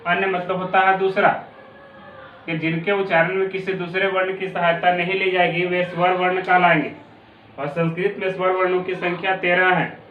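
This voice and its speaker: High-voiced male teacher in an echoey room. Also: slight background noise. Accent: Bihari Hindi. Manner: repeats definitions slowly, drawing out sounds. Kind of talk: classroom lesson. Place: classroom. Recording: echoey room, distant tinny phone-like mic.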